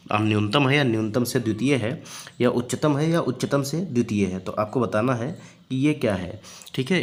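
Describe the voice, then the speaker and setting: A man's voice: medium pitch, a bit bright. Guy doing a coaching class, explains step by step, lots of fillers, says numbers twice, regular middle voice. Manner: explanatory, many fillers and repeated phrases. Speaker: exam coaching teacher. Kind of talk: exam-prep lecture solving past questions.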